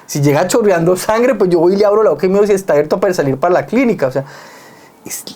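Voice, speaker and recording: Talking quickly in a high-pitched voice, the earnest Colombian man remains mellow and warm in a reflective, laid-back conversation. He makes his case with plain, familiar everyday examples.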